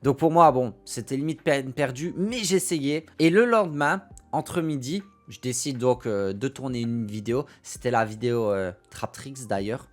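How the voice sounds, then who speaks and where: A man's voice: medium pitch, animated, moderate pace, few pauses, soft background music. A young man from France recounting a personal story to his viewers, emphatic and prone to repeating phrases for effect. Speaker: streamer and video creator. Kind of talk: storytelling to camera.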